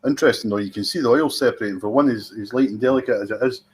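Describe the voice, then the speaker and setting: A man's voice: medium pitch, very fast. A Scottish man hosting a whisky tasting, talking in a chatty, teasing way and savouring his descriptions. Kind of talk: casual tasting commentary.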